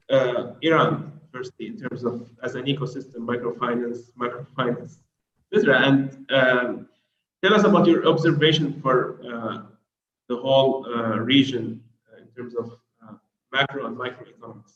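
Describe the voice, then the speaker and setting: A man's voice: medium pitch, moderate pace, fairly bright tone. Man moderating over a roomy, muffled call. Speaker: webinar moderator. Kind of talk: online panel moderation. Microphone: video call. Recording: roomy muffled call audio, faint noise.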